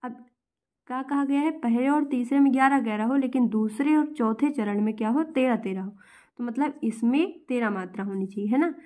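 Walking through a classroom-style lesson at a normal speed, this woman explains each step in turn, raising questions only to answer them herself. Her voice is warm and mellow, sitting slightly high.

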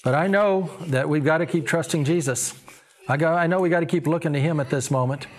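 On a small TV studio set styled as a living room, a pastor and television host in his sixties makes a sincere, preacherly appeal to his interviewer. His voice runs a little high and a little fast, picked up by a lapel microphone.

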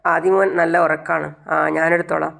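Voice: medium pitch, little pitch movement, normal speed, creaky. A narrator voicing a kind young wife who soothes a crying child. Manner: gentle, soothing.

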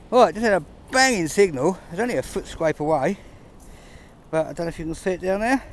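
A man talks through his finds on a pebble beach in a relaxed, understated way, with little chuckles as he goes. His voice sits a touch high. A faint outdoor hiss stays behind him on the handheld camera. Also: moderate pace. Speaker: metal detecting vlogger. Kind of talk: casual running commentary while detecting. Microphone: camera held close, filming his hands.

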